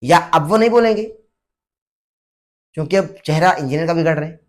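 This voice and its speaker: Male vlogger, higher voice, rhetorical and preachy delivery. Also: a little fast. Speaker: online religious commentator and vlogger. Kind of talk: direct-to-camera challenge vlog.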